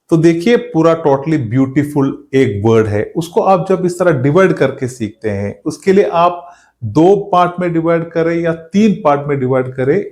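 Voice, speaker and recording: A man teaching English spelling in a calm, explanatory lesson, slowing down to spell words out letter by letter. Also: a little high. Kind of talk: spoken lesson.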